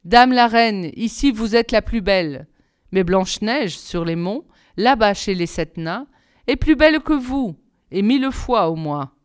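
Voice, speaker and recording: A solemn talking mirror, voiced by a woman reading a fairy tale, answering in a slow, measured way. The voice stays smooth and even, close and dry. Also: medium pitch, no room sound, close to an everyday voice. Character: solemn, truthful magic mirror.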